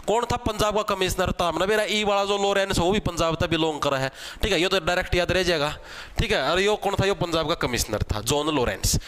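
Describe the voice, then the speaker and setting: A young man with a Haryanvi accent teaches an exam-prep class online, talking in a fairly high voice. He jokes and teases, builds memory tricks around the answers, and keeps checking in with his students as he goes. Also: a little fast, fairly bright tone. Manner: chatty, teasing, repeats "theek hai" as a check-in.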